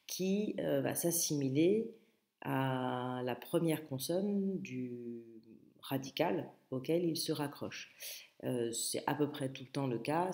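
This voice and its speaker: Une femme, professeure de latin, lit des phrases latines à voix haute, puis les traduit et les commente posément pour des débutants. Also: female voice, rumbling low, warm tone, echoey room. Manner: reads Latin aloud, then translates and comments patiently. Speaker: Latin teacher. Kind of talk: explanatory lesson.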